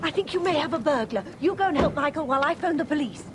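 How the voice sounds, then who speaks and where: An actress playing a fussy, alarmist older neighbour in a TV soap, urgent and bossy, over noisy location sound. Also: female voice, high voice, expressive, fast talker. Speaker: busybody neighbour. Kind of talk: TV soap drama acting.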